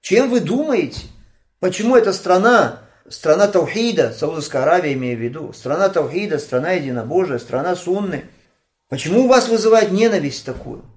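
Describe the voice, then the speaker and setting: A man delivers a religious lesson on hadith in a slightly high voice. He teaches with heated, scolding fervor, swinging between loud outbursts and low, heavy stretches. He stops to quiz his listeners along the way. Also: lively intonation, a little fast. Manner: impassioned, scolding, rising to loud outbursts then dropping low; asks listeners questions while teaching. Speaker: Islamic teacher.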